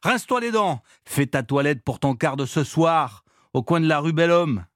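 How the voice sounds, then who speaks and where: A woman's voice: extremely low pitch, takes it slowly, dry recording, clean studio sound, pitched above the performer's own voice, heavily acted. A man voicing a furious young washerwoman who screams insults during a brawl, in a dramatic reading of a novel. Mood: taunting fury. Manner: shouted, raging taunts.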